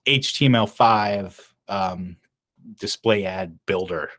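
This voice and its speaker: A man co-hosting a casual podcast about advertising, rambling with many restarts and fillers. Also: deep voice. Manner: rambling, many restarts and ums, laughs at himself. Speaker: podcast co-host.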